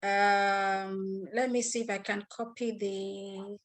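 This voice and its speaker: Her voice sits at medium pitch, with a flat delivery and a slow pace. She's a Nigerian woman, natively an Igbo speaker, giving a live screen-share lesson over video call, explaining step by step, repeating herself and asking the attendees questions.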